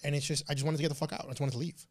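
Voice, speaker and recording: A man in his twenties, a podcast guest telling stories in a loose, profane, animated way. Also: on the high side, rapid-fire. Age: 20s. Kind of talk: casual interview chat.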